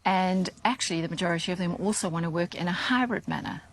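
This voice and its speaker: A woman speaking as an interview guest, explaining findings in a measured, articulate way. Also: lowish voice, slight background noise.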